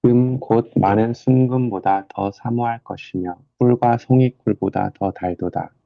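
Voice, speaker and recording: A man reading scripture aloud to a study group in a slow, measured way. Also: medium pitch, creaky, dry recording, muffled recording. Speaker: scripture reader.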